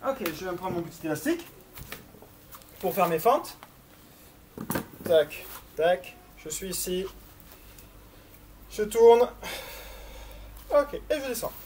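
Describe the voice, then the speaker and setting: A woman's voice: lowish voice, very animated, slow pace, long pauses, darkish tone, slight background noise. A woman coaching a workout in a chatty, encouraging way, counting reps aloud and exerting herself as she talks. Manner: chatty, encouraging, thinking aloud with little filler sounds. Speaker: fitness instructor leading a workout.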